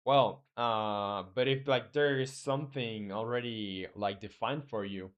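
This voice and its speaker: A man's voice: on the low side, a little slow, dull audio. Man thinking aloud while coding. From Chile. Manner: thinks aloud, hesitant with many fillers and restarts; answers viewers in a friendly way. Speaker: game developer streaming live. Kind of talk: casual live-stream coding chat.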